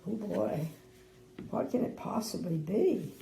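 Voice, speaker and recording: An older woman, a sweet grandmotherly storyteller with a creaky voice, reads a bedtime story expressively and adds chatty asides. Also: mid-range voice, sing-song, slow, warm tone, slight background noise. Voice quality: creaky, gravelly. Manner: sweet old lady, grandmotherly. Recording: roomy indoor echo.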